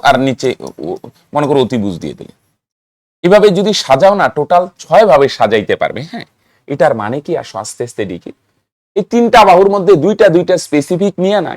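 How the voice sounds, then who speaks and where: A man's voice: fairly high pitch, no room sound, studio quality. A man teaching a math lesson, often asking students questions and chanting rhyming memory aids. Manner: rhythmic mnemonic chanting, asks students questions. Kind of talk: classroom lesson.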